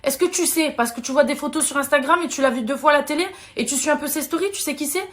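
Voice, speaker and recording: Casting note: young woman, high voice, heated indignant rant to followers, keeps hammering the same points. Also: quick pace, a bit bright. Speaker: social media personality.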